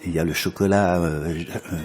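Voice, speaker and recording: A man hosting a conversational radio interview, asking drawn-out, hesitant questions and echoing what he hears. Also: low voice, steady tone, a little mellow.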